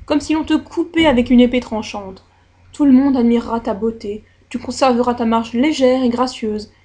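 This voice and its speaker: A scornful old sea witch from a storybook, as a woman reading aloud puts her on. She talks bluntly and with open mockery, making cold threats in a fairly high voice. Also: darkish tone.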